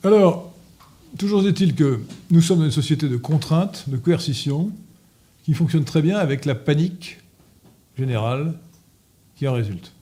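A man giving a political lecture to an audience, halting with frequent filler sounds and restarts, and repeating his points emphatically. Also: fairly high pitch, animated, dark tone, husky. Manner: emphatic, insistent repetition. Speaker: lecturer at an association meeting.

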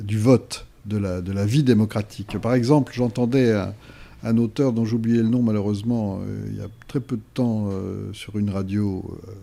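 A man hosting a political talk, with a mellow, dark voice. He hesitates often and keeps pressing his point when interrupted. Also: fairly low pitch, creaky. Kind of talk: political discussion.

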